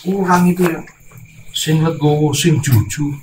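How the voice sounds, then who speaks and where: A man preaching a sermon to a congregation, scolding bluntly, his voice dropping to hushed tones and then rising to loud outbursts. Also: fairly high pitch, a little slow, roomy sound, noisy background.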